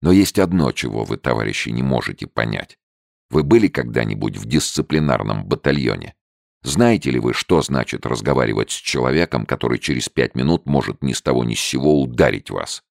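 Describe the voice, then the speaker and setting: A man voicing a stubborn young male soldier who speaks sharply and excitedly, his voice cracking at times. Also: very deep voice, brisk, vocal fry, no echo, studio quality, exaggerated voice. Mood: bitter. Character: tense bitter young male deserter, stubborn.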